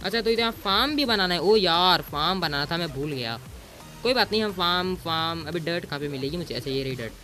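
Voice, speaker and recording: A man's voice: a little high, expressive, fairly quick, bright, forceful tone, faint music behind. A man giving casual gameplay commentary as a gaming YouTuber, bossy and teasing, throwing in English exclamations.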